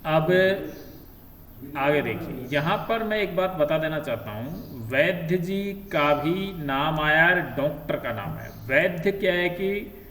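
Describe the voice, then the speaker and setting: A man's voice: on the high side, lively intonation, slow, a bit bright. A male teacher explaining a textbook lesson, who reads a line and then paraphrases it plainly. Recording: echoey room from a distance, faint noise.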